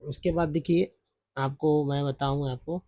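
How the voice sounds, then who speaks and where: A man's voice: fairly high pitch, steady tone, measured pace, dark tone, no echo. A man teaching English spelling and pronunciation in a patient lesson, repeating each sound several times.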